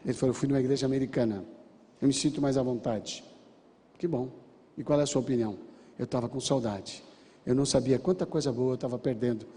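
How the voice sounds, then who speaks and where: A man's voice: medium pitch, dark tone. A man giving a sermon-style talk, telling a counseling story and acting out the dialogue with emphatic repeated commands. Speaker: church counselor and speaker. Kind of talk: sermon-style lecture with stories. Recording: long hall reverb.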